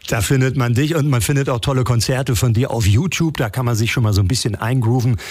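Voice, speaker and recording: A man's voice: mid-range voice, fast talker, darkish tone, husky, dry recording. A man hosting a radio interview, asking friendly questions. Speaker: radio host.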